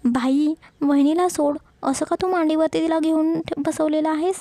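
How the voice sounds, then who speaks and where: A woman's voice: high-pitched, fairly even intonation, moderate pace, mellow, dry recording. A woman voicing a cheeky, teasing younger brother in a romance story. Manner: cheeky, joking.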